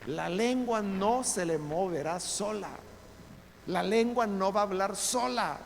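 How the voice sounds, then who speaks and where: A man's voice: high voice, slow, creaky, a little hiss or hum. A male pastor preaching emphatically in a church, asking rhetorical questions and speaking straight to his listeners. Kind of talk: sermon. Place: church sanctuary. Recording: long church reverb, faint background ambience.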